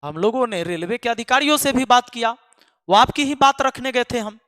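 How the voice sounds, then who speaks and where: Emphatic high-voiced man scolding students. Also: animated, a little fast, bright, forceful tone, no echo, clean studio sound, in a large hall. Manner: emphatic and scolding, repeating lines for force. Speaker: online exam-prep math teacher. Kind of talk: impassioned address to students.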